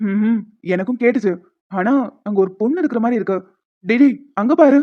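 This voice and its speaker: A woman voicing a chatty, loyal young male friend in a cartoon, brisk and gossipy. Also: fairly high pitch, dull audio, close to an everyday voice. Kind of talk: cartoon voice acting.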